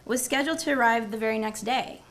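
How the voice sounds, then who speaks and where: A woman's voice: on the high side, quick pace, fairly bright tone. A woman professor presenting at a university symposium before a live audience, moving from a prepared talk to quizzing the audience and repeating their answers. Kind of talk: academic presentation with audience quiz.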